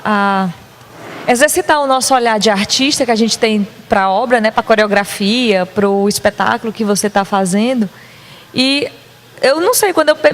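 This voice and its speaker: Woman, higher voice, dance artist, thoughtful, hesitant, casual panel talk. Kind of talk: panel discussion.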